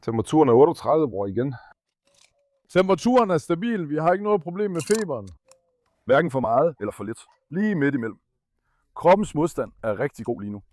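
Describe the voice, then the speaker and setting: A young man caring for a sick puppy on camera, earnest with viewers and coaxing softly with the dog. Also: fairly high pitch, sing-song, no echo. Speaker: animal caretaker and channel host. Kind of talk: casual vlog explaining care of a sick puppy.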